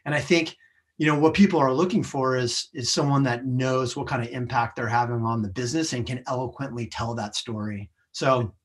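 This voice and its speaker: An American man, a sales professional appearing as a podcast guest, explains his career lessons in a conversational interview. His mid-range voice holds a steady tone and moves fairly quickly, and he often tacks on small checking tags.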